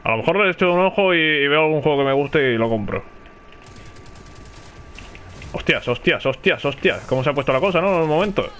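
Animated, quick and on the high side, with a fairly bright tone, the Spanish-accented man narrates his game live while streaming. He chats, reacts out loud and hails teammates, with a little hiss or hum in the background.

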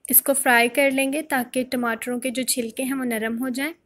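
A woman with a fairly high voice talks through a home recipe as a voice-over. She explains each step calmly and plainly, like a cooking channel host guiding viewers at home. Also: normal speed. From Pakistan. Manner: calm step-by-step instruction.

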